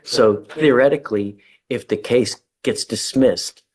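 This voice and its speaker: A man's voice: medium pitch, a little slow, darkish tone. A male judge presiding over a hearing in a courtroom, plain-spoken and conversational, with a joking side.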